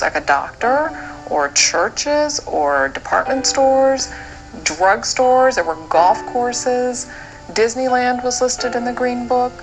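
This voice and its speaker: A woman's voice: fairly high pitch, low-quality recording. A woman explaining history in a matter-of-fact, informative way during an interview. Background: music.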